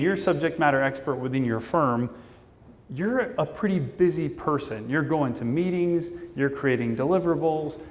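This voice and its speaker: A man giving a conference presentation, talking in a conversational way with fillers and asides. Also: fairly high pitch. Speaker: conference speaker. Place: conference hall. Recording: long hall reverb.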